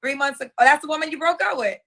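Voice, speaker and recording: A woman hosting a live-stream dating interview, firing off quick questions and repeating the answers back. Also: high voice, sharp tone.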